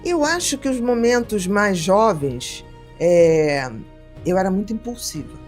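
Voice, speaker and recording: Animated middle-aged Rio storyteller woman. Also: medium pitch, measured pace, faint music behind. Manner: animated storyteller, acts out quoted voices. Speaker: psychiatrist guest. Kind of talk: casual podcast conversation, storytelling.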